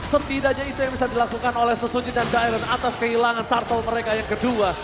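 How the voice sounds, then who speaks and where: High-pitched Indonesian male esports caster. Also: monotone, reverberant, over music. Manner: dramatic calls with drawn-out words and English gaming terms. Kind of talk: excited esports commentary.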